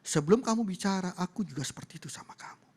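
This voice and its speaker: A man voicing a loving father who speaks softly and tenderly to his child in a sermon story. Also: a little high, moderate pace, close to an everyday voice. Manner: soft, tender, partly whispered.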